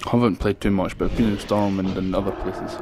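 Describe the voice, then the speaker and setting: A man's voice: fairly even intonation, a little fast, mellow. A man with a thick Scottish accent giving casual, rambling commentary over gameplay. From Scotland. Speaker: gaming video creator, commentator. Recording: low-quality home mic with background noise.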